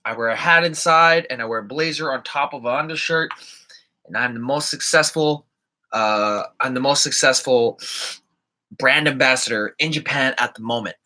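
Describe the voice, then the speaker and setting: Smug self-promoting influencer man, played by a man, boastful hard-sell pitch, bright edge. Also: moderate pace, rough recording. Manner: pushy sales pitch, boastful.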